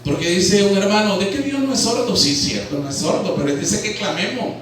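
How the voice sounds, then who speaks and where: Nicaraguan pastor preaching in an echoing hall. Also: male voice, high-pitched, expressive, brisk, a little hiss or hum. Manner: preaching with rhetorical questions to the congregation. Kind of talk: sermon. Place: church hall. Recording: very echoey hall, voice from far off.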